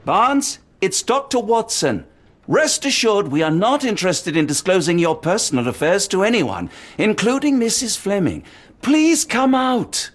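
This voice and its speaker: An actor playing an earnest, courteous gentleman doctor, a loyal sidekick in a scripted game. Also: sits high, sing-song, a little slow, heavily acted. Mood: calling out.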